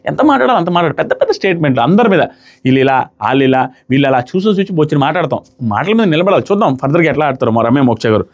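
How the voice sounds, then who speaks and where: A man giving casual, animated commentary on a reality show and acting out the contestants' quoted lines. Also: a little high, very fast.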